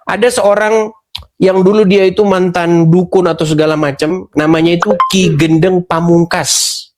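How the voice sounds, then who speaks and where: Measured skeptical man. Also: high voice, steady tone. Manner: measured, skeptical, repeats himself for emphasis. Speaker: host. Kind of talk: conversational interview.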